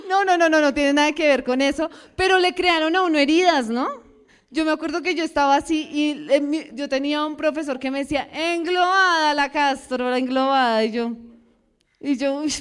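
A young woman with a high voice preaches a sermon in a church. She keeps firing questions at the congregation and acts out the voices she quotes. Her delivery is animated.

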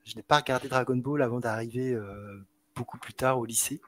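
A man's voice: mid-range voice, fairly even intonation, brisk, a little hiss or hum. A man co-hosting an online podcast, talking casually with many fillers and restarts. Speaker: podcast co-host.

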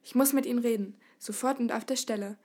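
A woman voicing a small, round, cheerful male knight who speaks calmly and with self-assurance. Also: on the high side, fast talker, natural voice. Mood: firm.

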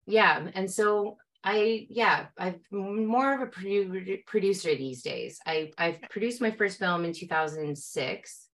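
A woman's voice: medium pitch, unhurried, a bit bright. A middle-aged woman from Canada, a film producer speaking casually as a guest, often repeating phrases for emphasis. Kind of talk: casual conversation.

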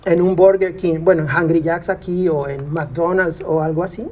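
A young adult man co-hosting a casual podcast, explaining things in a measured way. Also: a little high, steady tone, mellow, dull audio, a little hiss or hum. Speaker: podcast co-host.

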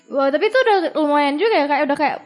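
A young woman with a high voice hosts a casual interview. She sounds chatty and engaged, quickly affirming what her guest says before asking the next question. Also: animated. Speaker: interviewer host.

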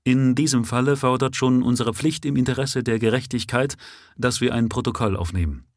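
A man's voice: mid-range voice, fairly even intonation, brisk, no echo, clean studio sound, voice pushed up, natural voice. A man reading aloud, voicing a pale, mechanical police inspector who speaks formally. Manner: formal, official.

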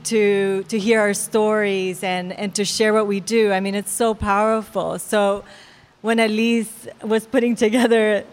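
Earnest woman activist, reverberant gallery. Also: medium pitch. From El Salvador. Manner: earnest, heartfelt, filler-laden. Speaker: activist panelist. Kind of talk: live panel talk. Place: art gallery.

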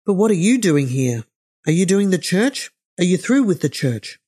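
A blunt, earnest old man speaks his mind in declamatory bursts, his voice pitched low and mellow. A woman reads him in an audiobook, with a husky edge. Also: very animated, moderate pace. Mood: curious. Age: older. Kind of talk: audiobook character reading.

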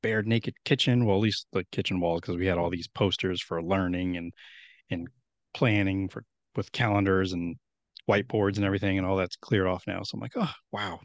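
A man's voice: low voice, fairly even intonation, a little fast, no echo. A man in his thirties hosting a podcast in a rambling, friendly way, with many restarts. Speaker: podcast host. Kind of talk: casual podcast chat.

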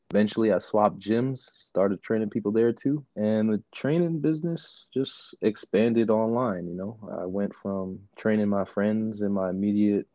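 Low, mellow Southern-accented man, casual. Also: dry recording. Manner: informal, storytelling with frequent "you know". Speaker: powerlifting coach and guest. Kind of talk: casual podcast conversation. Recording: dull, muffled lo-fi audio.

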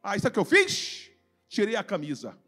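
A man from Brazil preaching a fervent Pentecostal sermon in church, telling his own testimony and rising into shouted exhortation. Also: high voice, wildly swooping pitch, moderate pace, faint music behind. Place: church service.

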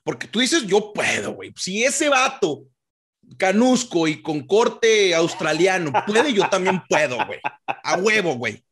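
A man's voice: high-pitched, animated, measured pace, a bit bright, slight background noise. A man with a northern Mexican accent chatting casually as a podcast co-host in slangy frat-bro talk. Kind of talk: casual chat.

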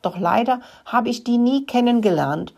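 A woman voicing a clueless, quick-tempered young male rat in a storybook reading, whiny and grumbling. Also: on the high side, animated, vocal fry, husky, voice pushed up, full character voice. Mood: plaintive. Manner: whiny, grumbling, gets loud.

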